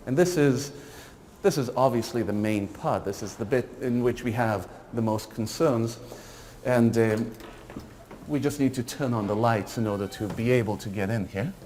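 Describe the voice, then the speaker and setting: A middle-aged male lecturer with a mid-range, slightly mellow voice speaks at a moderate pace, offering dry, wry criticism as he walks through a building. A distant camera captures him in hallways and an empty lecture hall, where the sound reverberates over faint room noise.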